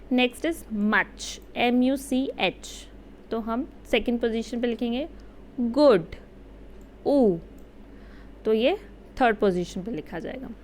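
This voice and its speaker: A young woman gives a relaxed shorthand lesson, talking slowly and patiently. Her voice sits a little high, with a faint hiss of background noise. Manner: slow, patient explaining. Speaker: shorthand teacher. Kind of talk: casual Hindi-English lesson.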